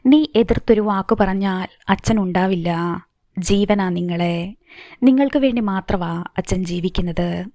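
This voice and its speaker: A woman's voice: mid-range voice, a little slow, dark tone, no room sound, clean studio sound, close to an everyday voice. A woman voicing a tearful grieving mother. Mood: tearful pleading.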